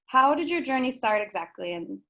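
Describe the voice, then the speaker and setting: A woman with a somewhat high voice hosts an online session over a video call. She reads her prepared introduction in a clear, even, orderly way. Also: a little fast. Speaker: host of an online speaker session. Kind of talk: scripted introduction and interview.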